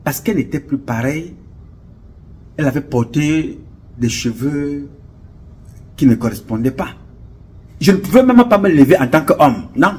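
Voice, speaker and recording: Very husky Cameroonian French man. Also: on the high side, animated, normal speed, long pauses, a little mellow. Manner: impassioned and preachy, repeats words and rambles. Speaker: online commentator. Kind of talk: casual monologue commentary.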